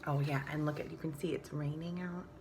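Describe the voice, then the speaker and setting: A woman teacher with a low, steady voice reads a picture book aloud to young children, using sing-song, drawn-out phrasing, hushed moments and explanatory asides. Background noise can be heard.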